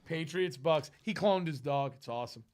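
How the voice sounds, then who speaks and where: A man's voice: on the high side, normal speed, a little mellow. A man hosting a casual fantasy football chat, joking around and reading out listener questions. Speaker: podcast host.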